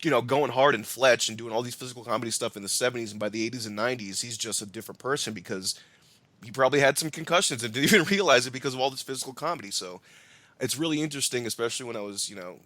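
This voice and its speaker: A man co-hosting a podcast, talking about films in an animated way, laughing and swearing now and then. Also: mid-range voice, dry recording. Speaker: podcast co-host. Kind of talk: casual film discussion.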